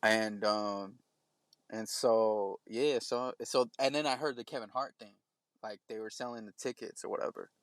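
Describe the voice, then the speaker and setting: A man's voice: lowish voice, fairly even intonation, no room sound. Rambling man in dry podcast chat. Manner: rambling, halting speech with many restarts.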